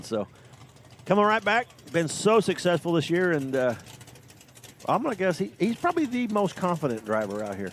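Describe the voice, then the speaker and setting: A man's voice: fairly high pitch, slight background noise. A man giving conversational motorsport analysis as a co-commentator.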